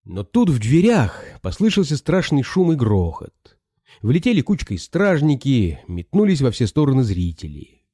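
A man narrating an audiobook in an expressive, dramatic manner. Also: mid-range voice, moderate pace, dry recording, studio quality.

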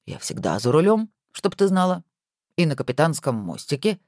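A reader doing a good-natured, joking husband in an audiobook, playful and bantering. The voice stays close to the narrating voice, with a lively, swinging melody. The recording is dry and close. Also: mid-range voice, moderate pace, no echo, voice pushed up.

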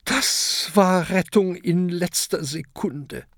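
A man reading a children's audiobook, voicing a small, exhausted dragon whose voice is hoarse. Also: sits high, slow, no echo, studio quality, pitched above the performer's own voice.

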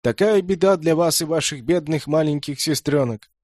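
A man voicing a gruff, elderly retired doctor who lectures and scolds. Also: fairly high pitch, normal speed, darkish tone, dry recording, clean studio sound, voice pushed up, lightly acted. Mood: sympathetic.

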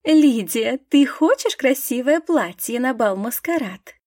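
A woman's voice: high-pitched, lively intonation, a little slow, a little mellow, dry recording, studio quality, voice pushed up. A woman voicing a haughty young female aristocrat student who speaks in a mocking, condescending way.

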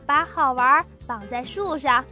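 Brief: a woman doing a scolding old male monkey for a storybook, lower than the narrator but still bright. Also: a little slow, faint music behind. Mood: stern. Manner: scolding, demanding.

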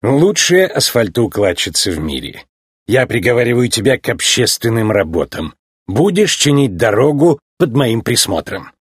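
A man voicing a stern, gruff old male car who speaks in a low, measured way. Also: big pitch swings, dry recording, clean studio sound.

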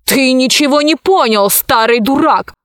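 Imperious queen read by a woman, audiobook role, cold and commanding, higher voice, measured slow delivery, dry sound. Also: no echo. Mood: stern. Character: stern, imperious queen ruling a council. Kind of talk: audiobook character voice.

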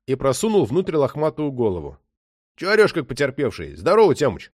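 Expressive male audiobook narrator. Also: mid-range voice, no room sound, studio quality. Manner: expressive reading, voices the characters. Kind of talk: scripted narration.

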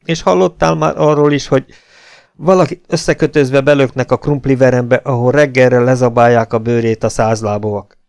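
A man's voice: medium pitch, fairly even intonation, vocal fry, darkish tone, close to an everyday voice. A man reading an audiobook, voicing a weary, hot-tempered legion captain who threatens and coaxes a prisoner. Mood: menacing. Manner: threatening, then coaxing and falsely friendly.

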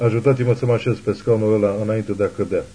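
A man voicing a zealous old woman who calls herself a prophet, speaking in a hushed but imperious way. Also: on the low side, steady tone, close to an everyday voice, low-quality recording. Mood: faint pleading.

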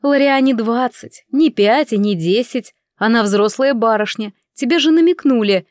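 A woman's voice: medium pitch, expressive, brisk, a little mellow, no echo, studio quality, close to an everyday voice. A woman reading the lines of a reproachful aristocratic mother, a countess.

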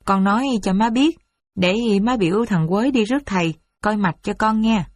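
A woman voicing a worried, gentle mother who coaxes her daughter softly. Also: mid-range voice, normal speed, no room sound, studio quality, natural voice. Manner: soft, coaxing and anxious.

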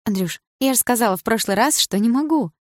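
A woman voicing a gentle, frightened young woman student who speaks softly and pleads. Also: on the high side, expressive, fast, dry recording, studio quality, pitched above the performer's own voice. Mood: pleading. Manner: soft, pleading.

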